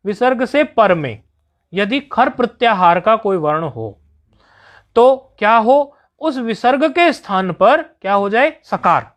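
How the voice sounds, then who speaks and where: A man's voice: high-pitched, animated, slow pace, fairly bright tone. A man teaching Sanskrit grammar in a patient lesson, repeating each point and checking that students follow.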